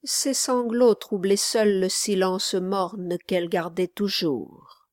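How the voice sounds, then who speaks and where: A woman reading a classic novel aloud as audiobook narrator, slow and measured. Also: medium pitch, darkish tone, no room sound, studio quality. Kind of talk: scripted narration.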